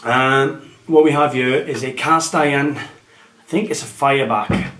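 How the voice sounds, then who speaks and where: Sitting in his dining room at home, a thirty-something antiques dealer from Wales shows off his market buys for his channel in a relaxed vlog, sprinkling "um" and "guys" as he gives tips. His mid-range voice is a bit bright, and he takes his time.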